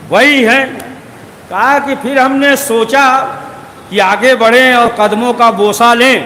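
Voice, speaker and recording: A man's voice: high voice, a bit bright. A male cleric preaching a sermon, telling a story and tagging his sentences with rhetorical asides and repeated filler phrases. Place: large hall at a religious gathering. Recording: echoey hall with faint background noise.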